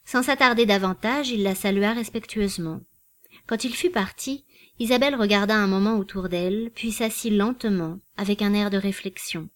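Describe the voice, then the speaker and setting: Calm woman narrating a novel. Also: mid-range voice, moderate pace. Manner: calm, even, literary reading. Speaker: audiobook narrator. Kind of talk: literary audiobook narration.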